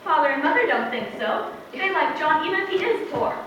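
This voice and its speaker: A woman's voice: sits high, animated, a little fast, a bit bright, dull audio. A woman acting a proud, earnest, romantic young woman in a stage play, speaking formally and emphatically. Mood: proud, defiant. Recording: echoey theatre, distant microphone, faint noise.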